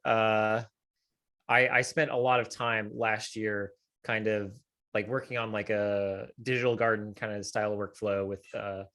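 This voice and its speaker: A man's voice: fairly low pitch, sharp tone. A man co-hosting a podcast, rambling thoughtfully in casual conversation. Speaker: podcast co-host. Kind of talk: casual chat.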